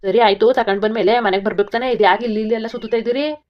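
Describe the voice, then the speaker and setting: A woman's voice: a little high, fairly even intonation, very fast, close to an everyday voice. A woman voicing a blunt, practical grown village son who asks questions. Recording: dull lo-fi recording.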